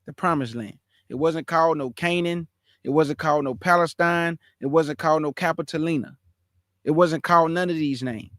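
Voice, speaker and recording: A man's voice: fairly high pitch, fairly bright tone, no room sound, studio quality. A man from Houston gives impassioned reaction commentary, emphatic and repetitive, calling his listeners family. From Houston, Texas, USA. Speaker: commentator reacting to a sermon clip.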